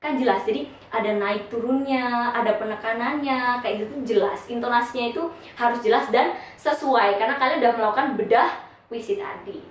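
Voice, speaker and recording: A woman's voice: on the high side, a little fast, a little hiss or hum. Young woman teaching poetry reading, echoey. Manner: chatty, informal, with frequent filler tags. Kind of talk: casual classroom explanation. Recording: very echoey room, voice from a distance.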